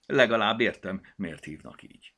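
A man doing a brisk, cheerful gnome. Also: lowish voice, expressive, pushed and bright, husky, full character voice. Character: lively, busy male gnome finder.

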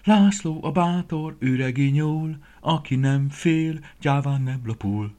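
A man's voice: sits low, animated, sharp tone, husky, heavily acted. A man voicing a boastful, brave little male rabbit in a children's story, talking in a cocky, sing-song way. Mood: sing-song boasting.

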